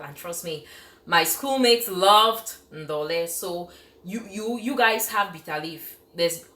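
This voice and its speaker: In her home kitchen, a Cameroonian woman hosts a live cooking stream, chatty and enthusiastic, often laughing as she reads viewer comments aloud. Her voice is on the low side with a fairly bright tone, and the room sounds reverberant.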